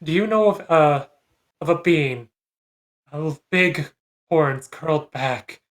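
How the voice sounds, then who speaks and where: A woman playing a tabletop role-playing game, asking earnest, halting questions in character. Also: sits low, animated. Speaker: player.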